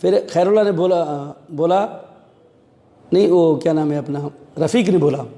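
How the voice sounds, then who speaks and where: A man with a raised pitch and a deeply mellow timbre recounts events as a police officer in an interview. He tells the story in an animated way, shifting his voice for each person he quotes. The recording has a long, roomy reverb. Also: normal speed. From Pakistan.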